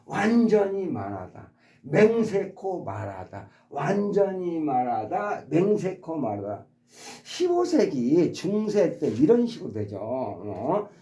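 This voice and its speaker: His pitch sits on the high side and swoops wildly as he slowly explains English vocabulary to his subscribers, politely repeating each word and demonstrating its stress. The voice is mellow, and the sound is roomy.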